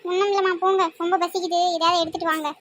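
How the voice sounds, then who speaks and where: A woman's voice: very high voice, level tone, rapid-fire, background noise. A woman voicing a timid young female college freshman who talks anxiously and complains.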